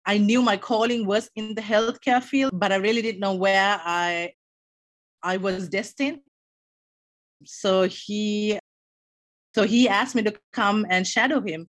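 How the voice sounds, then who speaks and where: A young woman from Sri Lanka talks earnestly as an interview guest, often restarting her phrases. Her voice sits at a mid pitch and sounds close and dry, with no room echo. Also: fairly even intonation, unhurried. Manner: earnest, with frequent small restarts. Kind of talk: casual interview storytelling.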